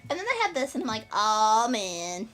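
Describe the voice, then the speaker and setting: Woman, streamer, bubbly, rambling, high voice, faint background music. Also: very animated, normal speed, a bit bright. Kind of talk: casual livestream chat.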